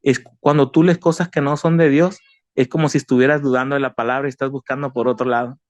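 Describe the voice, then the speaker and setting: A man's voice: medium pitch, fairly even intonation, fast, no room sound, muffled recording. A man giving an emotional personal faith testimony, earnest and repetitive, calling the listener brother. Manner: earnest, repeats himself, addresses the listener as brother.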